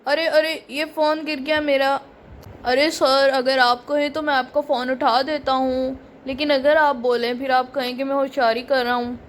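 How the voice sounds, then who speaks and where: A woman doing a sly young army officer, doll story, cocky, high-pitched. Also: flat delivery, moderate pace, slight background noise, natural voice. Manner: cocky, playing innocent. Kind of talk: doll story role-play.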